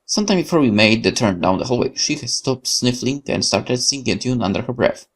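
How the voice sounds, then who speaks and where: A Polish-speaking man hosts a let's play, reading a horror visual novel aloud while adding lively asides and correcting himself. His mid-range voice runs a little fast.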